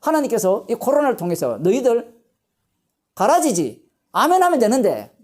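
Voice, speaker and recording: Emphatic woman pastor, lively pitch. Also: normal speed. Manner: asks rhetorical questions and answers them; animated, emphatic delivery. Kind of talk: Bible lecture sermon.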